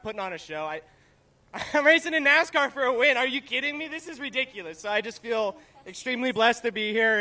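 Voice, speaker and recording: A man's voice: high-pitched, sharp tone. A man giving a post-race interview as the runner-up driver at a racetrack, earnest and playful with the fans. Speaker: second-place driver. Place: trackside at a racetrack, outdoors.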